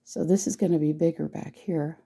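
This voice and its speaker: Hoarse gravelly woman teaching painting. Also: deep voice, fairly even intonation, fairly quick, mellow. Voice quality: gravelly, husky voice. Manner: chatty, self-deprecating, thinks aloud while painting. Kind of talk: casual painting tutorial.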